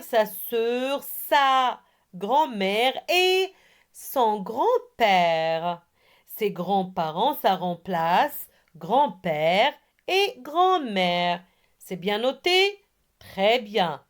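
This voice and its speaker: A woman teaching a reading lesson to young children, spelling out words syllable by syllable and praising her pupils. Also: fairly high pitch. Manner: slow, syllable by syllable, has pupils repeat after her; encouraging. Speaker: primary school teacher.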